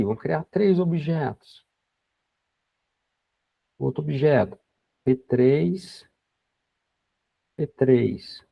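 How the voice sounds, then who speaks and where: A husky, gravelly, mid-range male voice belongs to a man in his forties teaching a programming class in a screen-recorded coding lesson. He patiently walks through each step, often using tag questions. The sound is dry and dull, lo-fi, with no echo.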